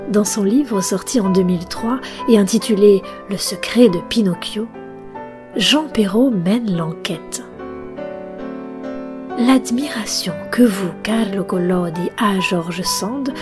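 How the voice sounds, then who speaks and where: Slow, hushed woman narrator. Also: mid-range voice. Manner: soft, often whispered, measured delivery. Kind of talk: read-aloud narration with commentary.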